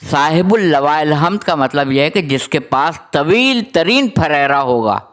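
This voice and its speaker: A man delivering a religious sermon, reciting long lists of titles in a steady rhythm and explaining Arabic terms to his listeners. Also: a little high. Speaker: religious speaker.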